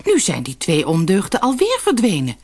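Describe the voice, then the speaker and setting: A woman's voice: huge pitch swings, moderate pace, darkish tone, soft background music. A woman voicing a worried mother calling for her young son in a read-aloud fairy tale. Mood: anxious calling. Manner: calling out, high and urgent. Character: worried loving mother of a small boy.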